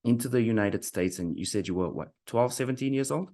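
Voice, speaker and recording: A mellow, medium-pitched male voice, talking a little fast, belongs to the upbeat host of a marketing interview show. He chats casually, hypes his guest, and stumbles over his words often.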